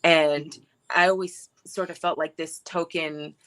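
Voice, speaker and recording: Bright-voiced woman, reflective talk show guest. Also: low-pitched, steady tone, unhurried. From born in Hawaii, grew up in Texas. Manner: reflective, laughs easily, many filler words. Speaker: filmmaker guest. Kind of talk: casual talk show interview.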